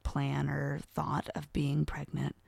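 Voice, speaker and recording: A woman's voice: deep voice, completely flat delivery, takes it slowly, creaky, darkish tone, slightly rough, no room sound. A young adult woman co-hosting a podcast in casual chat, rambling with many fillers. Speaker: podcast co-host.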